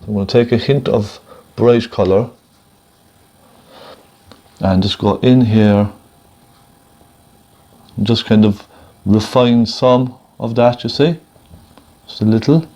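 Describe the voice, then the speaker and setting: Gentle painting instructor, a man. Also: lowish voice. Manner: gentle, encouraging, unhurried; thinks aloud while painting. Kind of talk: casual step-by-step painting demonstration.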